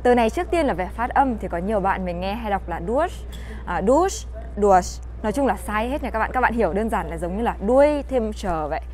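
A young woman from Vietnam teaching German in a casual vlog, chatting to viewers and slowing down to say each example sentence. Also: mid-range voice, animated, a crowd in the background. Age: young adult. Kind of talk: casual language lesson vlog.

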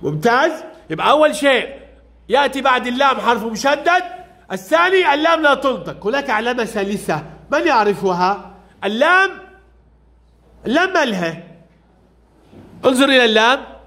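A male primary teacher runs a reading drill in a classroom, firing off brisk questions and praising each child's answer. His voice sits very high for a man, with a bright, forceful edge. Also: sing-song. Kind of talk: classroom lesson with young pupils.

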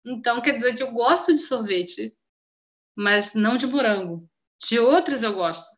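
A woman's voice: on the high side, normal speed. A woman with a Brazilian Portuguese accent giving a casual live-stream language lesson, chatty and full of examples, often checking that viewers follow. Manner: chatty, explains with many examples and check-ins. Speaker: Japanese teacher.

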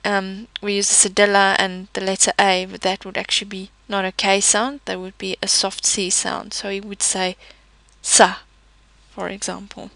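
A woman's voice: medium pitch, little pitch movement, moderate pace, hardly any pauses, pushed and bright, no room sound, low-quality recording. A woman teaching a pronunciation lesson, patiently explaining each letter with example words. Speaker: language teacher. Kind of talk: slow, careful pronunciation lesson.

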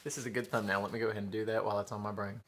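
A Southern eating-show host in his thirties races through his casual chat in a low, flat delivery that still carries a bright, forward tone. He chews between remarks and keeps calling viewers y'all. His living room, with sofa and window blinds, is filmed by a camera in front at table distance.

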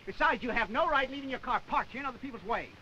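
A man's voice: extremely high pitch, fast, sharp tone, dull audio. An actor playing an eager, bashful young salesman being gallant, in 1930s film comedy style. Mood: indignant. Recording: noisy 1930 film soundtrack.

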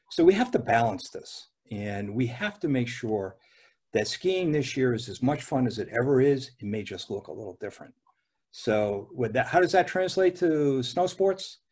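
A man in his sixties, speaking on a panel over a video call from a dim room at home, halting, with many restarts and fillers. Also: medium pitch, big pitch swings, darkish tone, breathy edge. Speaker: ski area owner on a panel. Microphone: video call webcam.

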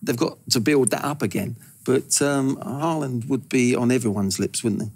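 A man in his sixties talking as a football pundit in a TV studio, animated and stumbling over his first words, on a lapel mic. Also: mid-range voice, normal speed, breathy edge. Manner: animated, gesturing with hands, repeats words when starting. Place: large TV studio.

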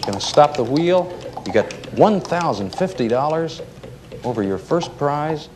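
A man hosting a 1970s TV game show in a studio, upbeat and brisk as he prompts the contestants. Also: on the high side, expressive. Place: TV studio set with a live audience. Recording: old TV tape with noisy studio audience.

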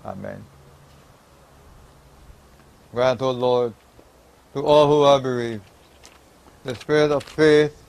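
A man leads a burial service, reading the liturgy as a priest. His delivery is solemn and measured, with a prayerful steadiness. His voice sits at an ordinary middle pitch for a man. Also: poor audio. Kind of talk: reciting a funeral liturgy.

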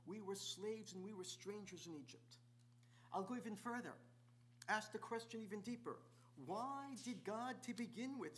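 Middle-aged rabbi preaching in a sanctuary. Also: male voice, sits high, slight background noise. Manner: rhetorical, piles up repeated questions. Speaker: visiting rabbi. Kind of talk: sermon. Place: large synagogue sanctuary.

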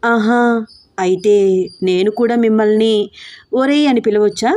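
A woman's voice: a little high, normal speed, darkish tone, natural voice. A woman voicing a shy, playful young bride in an audio story, coy and mock-scolding.

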